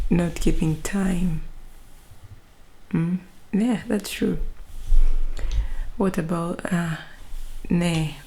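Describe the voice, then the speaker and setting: A young woman with a Kenyan accent chats to her viewers in a casual vlog. Her voice sits a little low, and she is lively, slipping now and then into whispered asides. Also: gravelly. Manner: chatty and animated, with frequent whispered asides. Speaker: vlogger. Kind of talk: casual vlog talk to camera.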